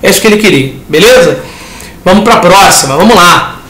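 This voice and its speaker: A man's voice: sits high, lively intonation, a little fast, fairly bright tone, reverberant, slight background noise. A man with a Brazilian Portuguese accent teaching a lesson that reviews exam answers, talking the class through each step and acting out students' questions.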